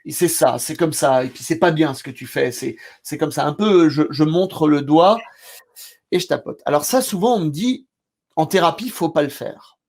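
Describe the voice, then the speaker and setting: Animated French man telling therapy stories. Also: on the high side, moderate pace. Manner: animated storyteller, acts out scenes loudly. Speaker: therapy trainer. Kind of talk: casual discussion between therapists.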